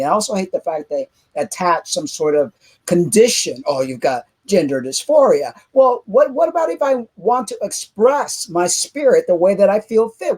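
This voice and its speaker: A man's voice: sits high, slightly rough. A man from Cuba talking emphatically in a casual panel discussion.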